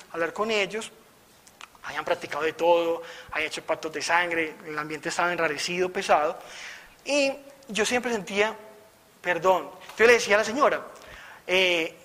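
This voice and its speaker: Bright, high-voiced preacher. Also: male voice. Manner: lively storyteller, acts out quoted voices. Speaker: preacher giving a testimony. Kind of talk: conversational religious testimony. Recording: long hall reverb.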